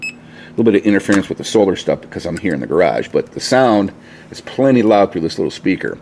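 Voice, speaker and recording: Standing at a pickup truck inside his home garage, this man runs an informal, mildly salty how-to vlog, holding the camera himself. His voice sits low with big pitch swings, gravelly yet a little mellow, and he talks fast. There's a slight hiss or hum on the recording.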